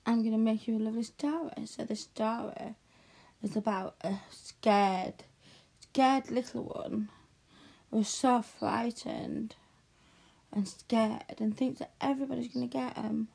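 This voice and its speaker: A woman speaking softly and soothingly in an ASMR caregiver roleplay, slipping into hushed whispers. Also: on the high side, steady tone, creaky, slightly rough. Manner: soft, soothing, slow and hushed, often drifting into whispers.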